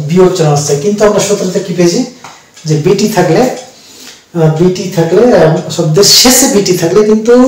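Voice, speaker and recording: Male teacher with a Bengali accent, moderately high voice, hesitant explainer, recorded off mic with heavy room echo. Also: a little mellow, far from the mic. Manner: slow, with frequent hesitations and spelled-out letters. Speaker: English teacher. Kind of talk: explanatory lesson. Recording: echoey room, voice a bit off mic.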